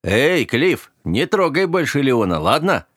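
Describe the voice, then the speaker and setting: A man voicing a friendly-sounding but menacing young man who switches between easy cheer and cold, clipped calm in an audiobook. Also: mid-range voice, measured pace, dry recording, studio quality, voice pushed up. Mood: breezy. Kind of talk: audiobook character voice.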